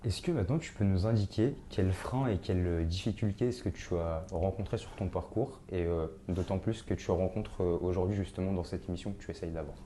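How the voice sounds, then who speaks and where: A man interviewing a guest, asking measured questions with some hesitation. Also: sits low, warm tone. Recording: faint background noise.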